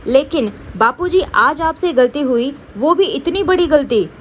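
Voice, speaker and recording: A woman reading the lines of a defiant, sharp-tongued young mother in a TV drama recap, scolding and sarcastic. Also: high-pitched, animated, unhurried, slight background noise. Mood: scornful.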